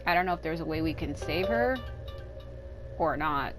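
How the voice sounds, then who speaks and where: A woman in her thirties with a voice a bit lower than most, chatting through a game in a loose, rambling way. She thinks out loud candidly as she plays at home, with clear game music running under her voice. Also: animated, moderate pace, rough recording. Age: 30s. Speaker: let's play gamer. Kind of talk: casual gameplay commentary.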